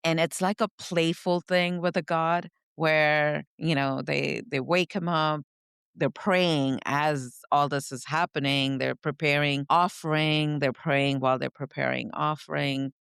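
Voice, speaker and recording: A woman from India, a podcast co-host reflectively recounting her upbringing, often pausing to search for words. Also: deep voice, gravelly, fairly bright tone, smooth, dry recording, clean studio sound. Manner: reflective, searching for words, frequent "you know". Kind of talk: personal storytelling in conversation.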